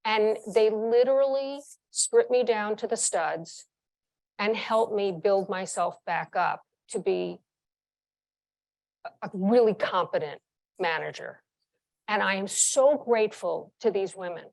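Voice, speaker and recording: A woman in her sixties from New York, United States, a former chief executive, tells frank, vivid stories from her career in a candid interview, repeating points for emphasis. Her mid-range voice is a little slow and a little mellow, with vocal fry.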